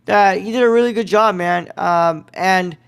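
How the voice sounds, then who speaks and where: A man's voice: sits high, moderate pace, vocal fry, clean tone. A young man hosting a casual film review podcast, rambling with many fillers and slang like "bro.". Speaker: podcast host.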